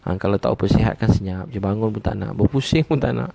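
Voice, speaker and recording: A Malaysian man preaches in a live question-and-answer session. His voice is low, gravelly and mellow. He talks gently and repeats his phrases in a drawn-out, pleading way. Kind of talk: live-streamed Q&A sermon.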